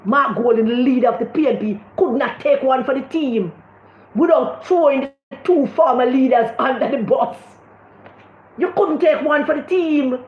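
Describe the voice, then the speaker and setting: A woman's voice: high voice, echoey room, dull audio. A Jamaican woman giving impassioned political commentary on a livestream, often repeating words as she searches for what to say.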